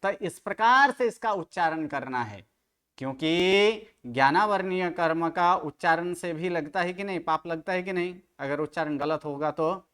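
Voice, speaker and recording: A man's voice: on the high side, moderate pace, a bit bright, smooth. A man teaching Sanskrit grammar to a study group, quizzing students with questions and correcting their pronunciation. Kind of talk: online study-group lecture.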